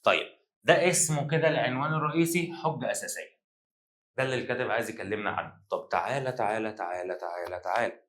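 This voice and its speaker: A young man with an Egyptian accent teaching an exam-prep lesson, joking and teasing his students in rapid colloquial banter. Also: on the low side, fairly bright tone. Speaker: Arabic teacher. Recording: echoey room.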